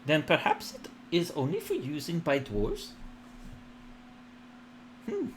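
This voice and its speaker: A man voicing a gracious, gentle earth and fertility goddess in a tabletop role-play, speaking in formal, questioning phrases. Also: a little high, wildly swooping pitch, takes it slowly, slight background noise, full character voice. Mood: serene, gracious.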